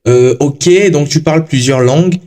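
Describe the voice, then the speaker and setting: A man's voice: fairly high pitch, moderate pace, mellow, far from the mic. A man hosting a podcast interview, asking questions with hesitant fillers. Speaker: podcast host.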